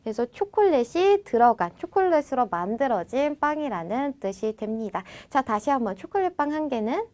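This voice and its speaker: A woman teaching a French lesson, who slows down to model each phrase and then explains it in Korean. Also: high voice, big pitch swings, a little mellow. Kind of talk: language lesson.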